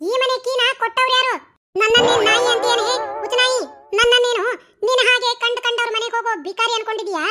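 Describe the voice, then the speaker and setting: A very high, bright cartoon voice of a combative young wife, as a woman dubs her. She scolds and insults with sharp force. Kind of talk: cartoon dubbing.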